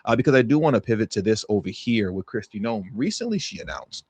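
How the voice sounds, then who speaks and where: A man's voice: on the low side, lively intonation, quick pace, darkish tone, breathy edge, no room sound. A man hosting an opinion commentary on news clips, emphatic, repeating his points and acting out quotes. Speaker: commentary host.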